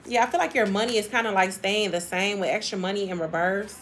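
A woman's voice: medium pitch, quick pace, fairly bright tone, slight background noise. A woman giving a casual tarot reading to her viewers, chatty and emphatic, repeating phrases and laughing often. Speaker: tarot reader.

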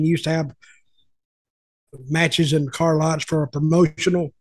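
An older man, a podcast host and storyteller, tells folksy, opinionated stories in a casual video call from home. His voice is a little high, and the recording is dry.

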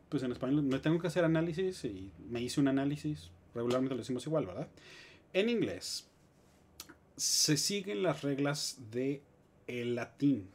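A man with a Mexican Spanish accent, teaching English grammar in a live stream with lively explanations and joking asides. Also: medium pitch, slight background noise.

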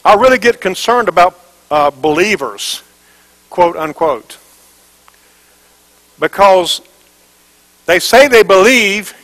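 A man's voice: sits high, lively intonation, slow, pauses often, a bit bright, rough recording. A man preaching a sermon to a church congregation, asking for amens, repeating phrases for emphasis and firing off rhetorical questions. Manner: call-and-response, asks the congregation for amens. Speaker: pastor.

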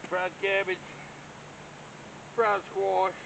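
A man bantering loudly and teasingly while working a garden, heard from a distance outdoors. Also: high-pitched, monotone, very slow. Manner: loud, teasing, calling out from a distance. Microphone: camera mic some distance away. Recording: distant voice with clear outdoor noise.

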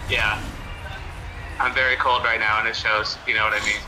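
A man's voice: lowish voice, level tone, moderate pace, sharp tone. A young man chatting casually on a drunken phone call, cocky and swearing freely. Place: outdoors on a city street. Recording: noisy phone call with background ambience.

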